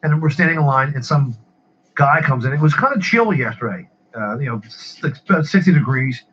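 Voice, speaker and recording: A man's voice: a little high, animated, brisk, fairly bright tone. A man telling rambling stories in casual chat, repeating his words and laughing at his own tales. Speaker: podcast regular. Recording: muffled lo-fi with faint hiss.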